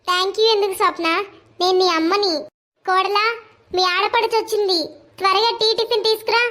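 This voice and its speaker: A woman's voice: extremely high pitch, steady tone, fairly quick, sharp tone. A woman voicing a stern, commanding mother-in-law in a cartoon story. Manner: commanding, accusing.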